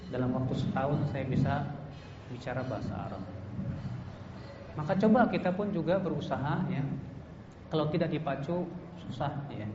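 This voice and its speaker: A man preaches to students in a relaxed, conversational way and asks them questions. His voice sits fairly high. The hall echoes around him, and the sound is slightly dull. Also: background noise. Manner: casual, addresses students directly with questions. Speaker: Islamic preacher. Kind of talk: religious study talk to students.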